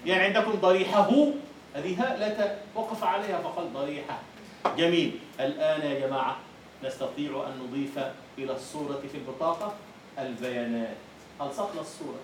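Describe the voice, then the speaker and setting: A man's voice: fairly high pitch, noisy background. A man with an Egyptian accent giving a university lecture on Arabic prosody, quizzing his students and repeating their answers. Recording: echoey lecture hall, far from the mic.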